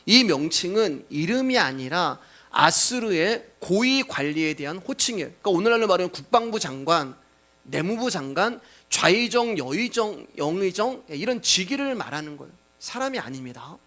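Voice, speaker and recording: High-voiced male pastor preaching. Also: sing-song, moderate pace, sharp tone. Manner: explanatory, addresses congregation with rhetorical questions; cues scripture readings aloud. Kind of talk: sermon.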